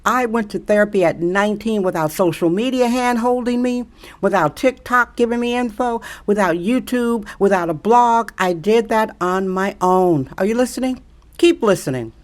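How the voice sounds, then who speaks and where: A middle-aged social media commentator from Milwaukee, Wisconsin speaks to camera at a normal pace in a medium-pitched voice. Her monologue is emphatic and preachy, and she keeps repeating rhetorical questions to drive her point home.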